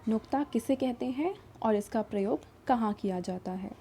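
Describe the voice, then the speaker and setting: A woman teaching a grammar lesson to children, patiently repeating and rephrasing each point and slowing down to sound out example words. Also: fairly high pitch, mellow, a little hiss or hum.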